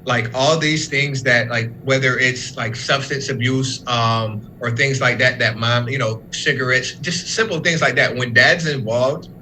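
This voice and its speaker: Young adult man, interview guest, earnest and explanatory, bright forward tone. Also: mid-range voice, fairly even intonation, a little slow, few pauses, a little hiss or hum, low-quality recording. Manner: earnest, speaks in long run-on explanations. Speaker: fatherhood program worker, guest. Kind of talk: casual interview talk.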